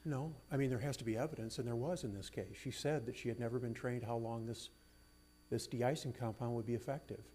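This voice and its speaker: A male attorney with a medium-pitched voice argues an appeal in court. He presses his points insistently while staying deferential to the bench. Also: fairly even intonation, a little fast, warm tone, a little hiss or hum. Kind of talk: appellate oral argument.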